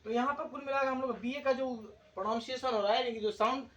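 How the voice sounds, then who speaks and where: A man teaching English grammar, explaining slowly in Hindi and repeating key words for his class. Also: extremely high pitch, fairly even intonation, a bit bright, echoey room, slight background noise.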